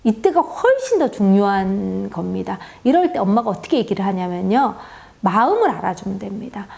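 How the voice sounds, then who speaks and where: A woman's voice: medium pitch, big pitch swings, normal speed, vocal fry. A middle-aged woman giving an earnest parenting talk, telling stories and often affirming with short "yes" sounds. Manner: earnest, warm storytelling with many "네" affirmations. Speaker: parenting lecturer. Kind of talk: parenting talk with acted examples.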